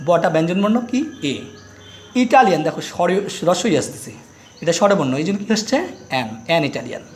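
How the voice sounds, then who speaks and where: A middle-aged male teacher walks through a grammar lesson. His voice sits high for a man. He keeps asking short questions and answering them himself. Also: darkish tone, a little hiss or hum. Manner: explains step by step with repeated quiz questions. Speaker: English teacher. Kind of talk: grammar lesson explaining articles.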